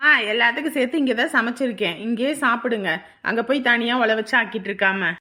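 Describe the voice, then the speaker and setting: Woman playing a daughter-in-law, dutiful, polite, bright, higher voice. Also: fast. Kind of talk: dubbed family serial drama.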